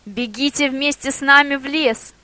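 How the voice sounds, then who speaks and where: A woman voicing a sly, bold male boar who talks in a lively, persuasive, theatrical way. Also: high-pitched, moderate pace, no echo, pitched above the performer's own voice. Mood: persuading.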